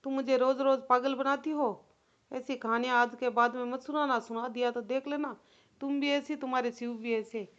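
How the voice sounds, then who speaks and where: A short-tempered, poor mother scolds sharply in a high voice, as a woman storyteller voices her. The recording is dull and lo-fi, like a home-made story. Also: steady tone, moderate pace, a bit bright. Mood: scolding.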